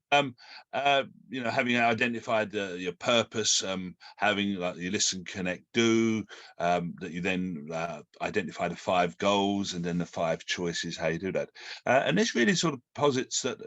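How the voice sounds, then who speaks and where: A man with a Cockney accent interviews a guest, his low voice moving slowly through long, searching questions with many fillers. The sound is dry and close. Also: expressive, fairly bright tone, dry recording. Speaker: host. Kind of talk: podcast interview.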